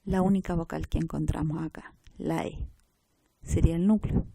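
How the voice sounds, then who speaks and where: Woman, teacher, mellow warm voice, dry close sound, patient step-by-step explaining. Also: low voice, steady tone, moderate pace, creaky, husky, dry recording. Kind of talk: recorded class lecture.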